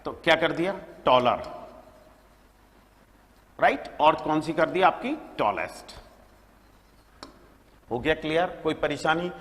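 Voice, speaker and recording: A slightly high-voiced man teaching a grammar class, talking slowly and with lots of rise and fall. He keeps quizzing his students and then answering his own questions. A long echo hangs in the room around him. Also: a bit bright. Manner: addresses listeners as beta, checks with "right?"; spells words out letter by letter. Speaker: English teacher.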